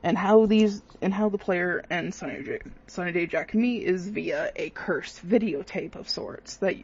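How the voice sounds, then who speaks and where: With a mid-range, slightly rough voice at a measured pace, a video creator gives loose, hesitant commentary on horror games. The microphone sounds dull and lo-fi.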